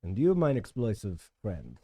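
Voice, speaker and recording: A stiff, courteous German commander, voiced by a man in a tabletop game, addressing his squad with old-fashioned formality. His German accent is thick and deliberate, and his mellow, dark voice swoops through a lively pitch. The sound is dry and close. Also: no room sound. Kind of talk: tabletop role-play in character.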